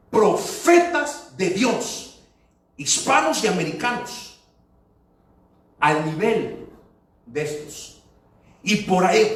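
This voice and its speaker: A man preaching a sermon, telling stories and slipping into English phrases. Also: very high-pitched. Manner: storytelling, switching into English phrases. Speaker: pastor. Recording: echoey hall, voice from far off.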